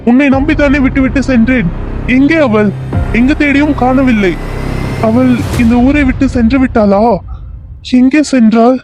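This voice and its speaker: A man's voice: very high-pitched, moderate pace, a little mellow, soft background music. A man voicing an anxious young hero searching for his missing bride in a cartoon serial, firing off worried questions. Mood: demanding.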